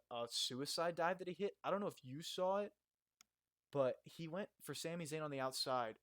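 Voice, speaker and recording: A man's voice: fairly high pitch, dry recording. Rambling young man, dry close sound. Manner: rambling, swears freely, many fillers. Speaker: podcast co-host. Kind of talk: casual wrestling review chat. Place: makeshift home recording spot.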